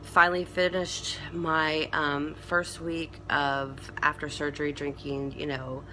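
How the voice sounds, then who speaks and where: A woman with a low, bright-edged voice gives a rambling, chatty update straight to camera, full of ums and uhs. A faint hiss of background noise sits under her voice. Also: level tone, slow. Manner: rambling, chatty, many fillers. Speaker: vlogger. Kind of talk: casual update vlog to camera.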